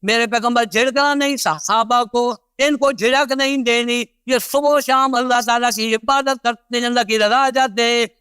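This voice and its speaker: High bright man in a heated debate. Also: fairly even intonation, smooth, dry recording, clean studio sound. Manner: insistent, interrupts often. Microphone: video call.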